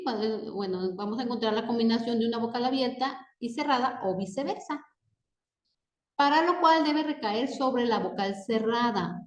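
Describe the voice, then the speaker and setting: A woman with a fairly high voice teaches a grammar lesson at a very slow, careful pace. She reads each example word on its own. Her voice rings in an echoey room. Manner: checks in with a rising "¿sí?" after each point; reads example words slowly one at a time.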